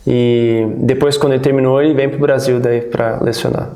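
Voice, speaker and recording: A man's voice: medium pitch, normal speed. Man in his thirties, guest storyteller, meandering talk, echoey room. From United States. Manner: relaxed, rambling, many restarts. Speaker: interview guest, pastor. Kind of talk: casual interview storytelling. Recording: roomy echo.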